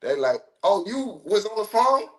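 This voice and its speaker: Guesting on a podcast, this Ohio rapper in his thirties has a high-pitched, fairly bright voice with big swings in pitch and a moderate pace. He keeps things relaxed and slangy, wandering through his thoughts with plenty of filler words.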